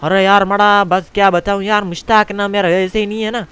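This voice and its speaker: A man's voice: high voice, level tone, brisk, a bit bright, smooth, voice pushed up. A man voicing an eager, boastful young village friend in a game machinima, talking in a raised voice. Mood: excited.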